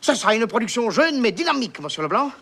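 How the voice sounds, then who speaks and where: A man's voice: very high-pitched, very animated, fast talker, vocal fry, a bit bright, slight background noise, exaggerated voice. An actor playing a naive, bumbling, cheerful middle-aged man in a film comedy. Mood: bluffing. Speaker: film character.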